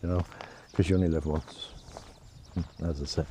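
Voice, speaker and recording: On a nature walk, a male travel vlogger addresses the handheld camera he carries, rambling casually and hesitating with frequent restarts. His mellow voice sits low, with fairly even intonation and a moderate pace, over slight background noise.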